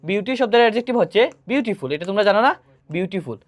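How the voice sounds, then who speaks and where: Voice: mid-range voice, lively intonation, rapid-fire. An exam-prep grammar teacher, who asks students questions and answers them straight away. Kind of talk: exam-prep lesson explaining grammar rules.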